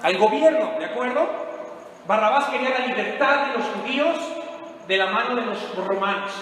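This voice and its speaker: A man preaches a sermon to a congregation, dramatically retelling a story and putting questions to his listeners. His voice is very high-pitched and a bit bright at a normal speed, with a little hiss or hum in a very echoey hall with long reverb.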